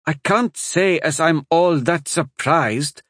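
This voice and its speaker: A man putting on a kind, motherly healer woman in a storybook, her voice lifted well above his own and pushed a little louder. She soothes and scolds gently and does not back down. The recording is dry and close. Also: on the high side, slow, no room sound, voice pushed up. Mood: defensive. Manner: soothing, scolding gently, stands her ground when pressed.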